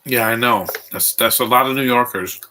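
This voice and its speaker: Casual live commentary comes from a man watching a film at home, his medium-pitched voice bright and forceful at a moderate pace. His talk rambles in a stop-start way, with frequent restarts.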